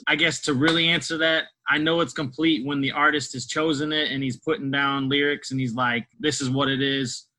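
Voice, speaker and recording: Bright-voiced producer from St. Louis. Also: male voice, medium pitch, rough recording. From St. Louis, Missouri. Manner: laid-back, reflective, casual. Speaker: music producer contestant. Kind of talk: recorded self-introduction.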